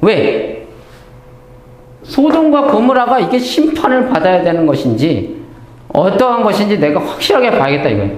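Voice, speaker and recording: A man teaches a Bible lesson in a high, sweeping voice. He keeps asking himself questions and answering them, and acts out the lines he quotes. The room is echoey. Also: normal speed. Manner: animated, asks and answers his own questions, acts out quoted speech. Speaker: Bible lecturer. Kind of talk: Bible study lecture.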